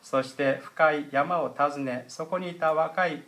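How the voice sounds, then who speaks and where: A middle-aged man preaching a sermon as pastor, explaining in a measured way with frequent hesitation fillers. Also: fairly high pitch, fairly bright tone.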